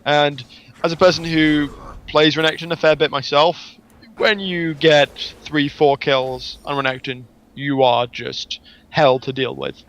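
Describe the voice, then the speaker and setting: Male co-caster, analytical color commentary, slightly raised pitch. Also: fairly even intonation, fairly bright tone. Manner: explanatory, measured analysis. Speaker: guest co-caster.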